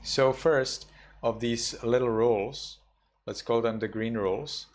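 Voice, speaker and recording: A man teaches a class at an unhurried pace, in a mid-range voice. He is patient and methodical, saying each example word slowly and then saying it again. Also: medium pitch. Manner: slow, patient, repeats example words carefully. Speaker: Buddhist monk teaching a class. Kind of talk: online class instruction.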